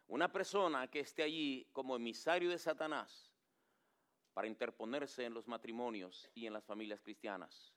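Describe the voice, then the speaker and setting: Male pastor with a smooth, resonant voice, preaching with dramatic hushed drops. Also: fairly high pitch. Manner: acts out pleading quotes in a raised voice. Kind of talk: sermon.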